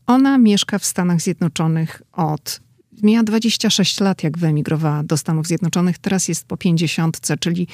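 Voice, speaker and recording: A woman reporter talking casually and with animation about an event she attended, quick to push back in discussion. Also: lowish voice, darkish tone, dry recording, studio quality. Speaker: correspondent.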